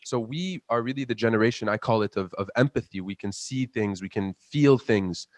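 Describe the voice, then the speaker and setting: A man's voice: lowish voice, normal speed, no room sound. A young man in his twenties from Palestine, speaking earnestly and passionately as an interview guest, often repeating words as he builds his point. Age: 20s. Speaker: guest, student entrepreneur. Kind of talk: interview answers.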